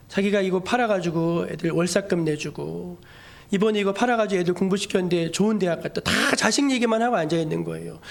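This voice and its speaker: Male pastor, high voice, animated storytelling sermon. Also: vocal fry.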